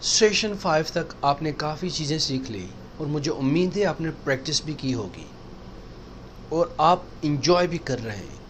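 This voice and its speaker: Lively man teaching pronunciation. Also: a little high, slight background noise. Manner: explains slowly, repeats example words to model pronunciation. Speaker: English teacher. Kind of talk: recorded spoken-English lesson.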